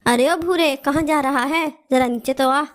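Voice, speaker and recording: A scheming auntie bird in a cartoon who coaxes and plots, played by a woman. The voice is high and sly, and the tone is wheedling. She talks in a sugary but plotting way. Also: unhurried. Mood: coaxing. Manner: sly, coaxing.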